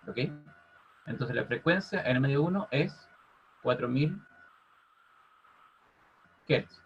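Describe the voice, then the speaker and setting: A man teaching a physics class over a video call, constantly checking in with his students by asking if it's clear. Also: medium pitch, animated, slow pace, a little hiss or hum. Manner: checks in with "ok?" after nearly every phrase. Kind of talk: online class explanation. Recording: muffled lo-fi audio.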